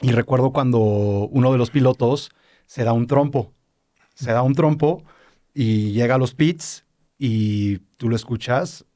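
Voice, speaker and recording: A man's voice: mid-range voice, a little slow, dark tone, dry recording, studio quality. A man interviewing a guest casually, recalling an event back to him with eager agreement. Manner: chatty, eager backchannel, recounts events to the guest.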